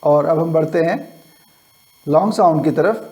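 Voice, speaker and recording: A man teaching phonics, slowly reading out English word lists one word at a time. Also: on the high side, a little mellow, very echoey, far from the mic, low-quality recording. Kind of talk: slow word-list lesson.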